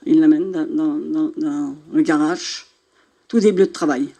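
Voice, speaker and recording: Low-pitched and unhurried, this older northern French woman delivers a church testimony about her faith. She tells it like an animated storyteller, performing the dialogue as she goes.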